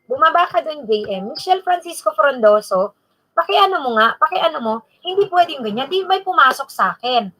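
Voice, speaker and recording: A woman from the Bicol region hosting a casual livestream, telling a gossipy story in an animated way and talking straight to her viewers and moderator. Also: high-pitched, brisk, rough recording. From Bicol region, Philippines. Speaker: livestream host.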